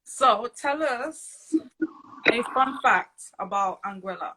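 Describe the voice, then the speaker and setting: A woman hosting a casual live-stream interview, asking brisk questions to prompt her guest. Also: on the high side, expressive, sharp tone, rough recording. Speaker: interview host.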